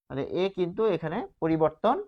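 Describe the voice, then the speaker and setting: A man's voice: on the high side, fairly quick. A male teacher giving a grammar lesson, explaining step by step and asking and answering his own questions. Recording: slightly dull, lo-fi sound.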